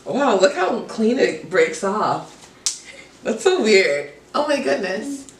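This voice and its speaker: A woman in a family home video, curious and exclaiming over what she sees. Her speech is unhurried yet full of lively rises and falls. She is heard from across an echoey room with faint noise. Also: mid-range voice, distant mic. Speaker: family member. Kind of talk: casual family vlog chat.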